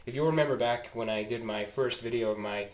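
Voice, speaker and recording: With a stuffy, scratchy, mid-range voice, a man talks fairly quickly as he shows off his indoor home train room for his toy train vlog. The show-and-tell is casual and rambling, full of fillers and restarts as he corrects himself, recorded close on a handheld camera mic.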